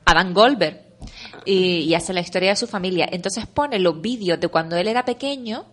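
A woman's voice: mid-range voice, normal speed, a bit bright. Opinionated woman in casual podcast chat. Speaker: podcast co-host.

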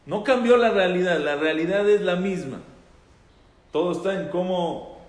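In an echoey hall with long reverb, a man whose voice sits high gives an informal Torah talk to a group at normal speed. He speaks conversationally, repeating phrases for emphasis and asking his listeners questions.

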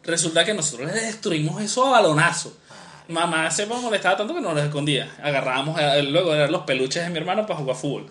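A man's voice: fairly high pitch, animated, fast, fairly bright tone. A young man, co-hosting a podcast and telling rambling childhood stories in casual chat. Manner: rambling, many fillers and restarts. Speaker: podcast co-host.

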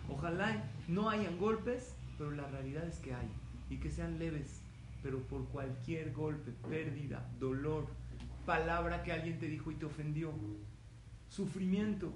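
A man giving a religious lecture, telling stories with energy and putting questions to his audience. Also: on the high side. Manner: lively storytelling, asks the audience questions. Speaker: rabbi lecturer. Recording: roomy hall with faint noise.

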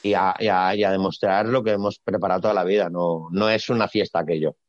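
A man, a retired gymnast explaining his career in a relaxed, blunt, colloquial way during a casual interview. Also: deep voice, quick pace, no room sound. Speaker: retired Olympic gymnast, guest. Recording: dry, slightly dull sound.

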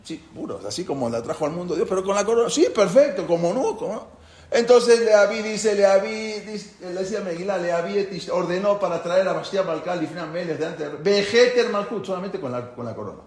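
A man teaching a Torah class as lively storytelling, acting out the quoted lines with sudden loud rises. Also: high voice, brisk, few pauses, reverberant.

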